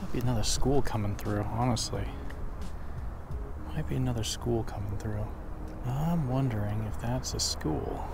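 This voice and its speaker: Outdoors at a small lake, an American fishing vlogger in his thirties keeps up informal, upbeat chatter. He speaks at a moderate pace in a medium-pitched, creaky voice, with background noise present.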